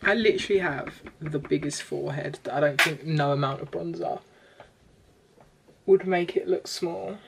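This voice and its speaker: A young woman doing a chatty, self-deprecating makeup vlog in her bedroom, sometimes breaking into excited squeals. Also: low-pitched, moderate pace, creaky, over loud music. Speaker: beauty vlogger. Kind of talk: chatty get-ready-with-me vlog.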